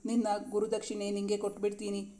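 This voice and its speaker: ಒಬ್ಬ ಮಹಿಳೆ, ಗಂಡನನ್ನು ಹಠದಿಂದ ಬೇಡಿಕೊಳ್ಳುವ ಯುವ ಹೆಂಡತಿಯ ಪಾತ್ರವನ್ನು ಕಥೆಯಲ್ಲಿ ಓದುತ್ತಿದ್ದಾಳೆ. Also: female voice, medium pitch, completely flat delivery, brisk, warm tone, lightly acted. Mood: pleading. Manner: pleading, insistent. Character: stubborn young wife pleading with her husband.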